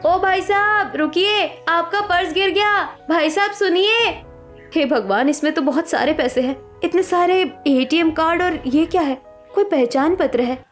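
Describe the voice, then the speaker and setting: A woman voices a poor but honest young woman in an animated story. She pleads earnestly in a high voice and keeps her speech plain and sincere. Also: normal speed, faint music behind, lightly acted. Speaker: cartoon character.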